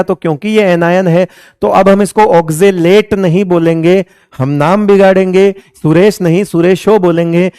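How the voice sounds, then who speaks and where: A male chemistry teacher lecturing a class, firing the same question again and again before answering it himself. His voice sits a little high for a man, and he calls his students beta and raja. The sound is dry and close, with little room echo. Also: darkish tone.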